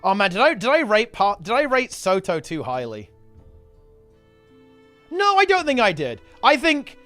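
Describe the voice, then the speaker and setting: High-pitched rambling male streamer. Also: huge pitch swings, moderate pace, bright, forceful tone, soft background music. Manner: rambling, slangy, repeating himself. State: getting over a sickness, on medication. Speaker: game streamer and video host. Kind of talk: casual livestream chat.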